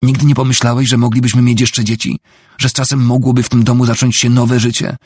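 A man reading the part of a grieving, desperate wife who pleads and shouts at her husband. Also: on the low side, animated, moderate pace, gravelly, husky, no echo, clean studio sound, full character voice. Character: desperate grieving wife, middle-aged woman.

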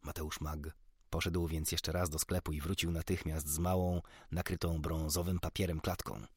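A man narrating a children's book in an expressive, measured storytelling manner. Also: extremely low pitch, breathy edge, dry recording, clean studio sound. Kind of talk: audiobook narration.

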